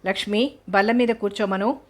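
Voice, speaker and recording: ఒక స్త్రీ చదివే చిరాకుపడే యువ డాక్టర్ భర్త. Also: female voice, mid-range voice, normal speed, close to an everyday voice. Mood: curt. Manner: curt and brusque. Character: young husband, a curt, irritable doctor.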